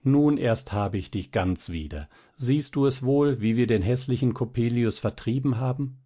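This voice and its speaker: A man reading aloud and voicing a gentle but anguished young woman in a storybook. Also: medium pitch, normal speed, close to an everyday voice. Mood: tender. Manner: pleading, raised in distress.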